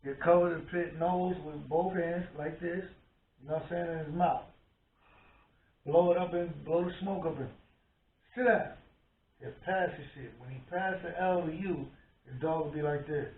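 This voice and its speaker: Animated man telling stories in an echoey room. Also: on the high side, moderate pace. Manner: animated storyteller, acts out quotes. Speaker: podcast co-host. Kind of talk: casual chat. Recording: echoey room, tinny phone-like sound, from far off.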